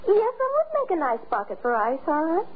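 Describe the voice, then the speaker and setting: Very high-pitched, scatterbrained shopgirl. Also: huge pitch swings, a little fast, heavily acted. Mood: chatty, puzzled. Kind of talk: old radio comedy acting. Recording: tinny, phone-like old radio recording.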